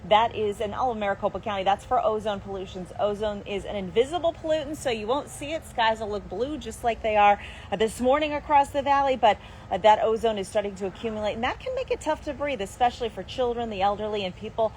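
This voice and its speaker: A woman's voice: on the high side, lively intonation, darkish tone, slight background noise. Upbeat woman giving a live outdoor forecast. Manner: upbeat, brisk broadcast delivery. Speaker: TV weather forecaster. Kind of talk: live outdoor weather report. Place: outdoor patio garden.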